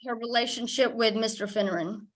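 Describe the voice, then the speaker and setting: A woman attorney questioning a witness in court in a measured, procedural way. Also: fairly high pitch, steady tone.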